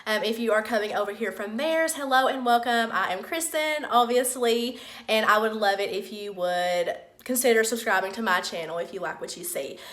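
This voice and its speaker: A woman's voice: fairly high pitch, moderate pace, fairly bright tone. A woman hosting her cooking channel, talking in a friendly, chatty way from an empty room that makes her voice echo. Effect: echoey empty-room sound. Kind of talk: casual vlog intro.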